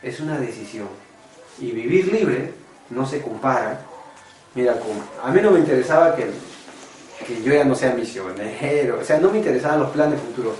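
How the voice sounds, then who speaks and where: A man's voice: medium pitch, expressive, normal speed, darkish tone, distant mic. Earnest preacher man in echoey room. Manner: earnest, confessional, addresses listeners as brothers. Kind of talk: testimony sermon. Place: church meeting room.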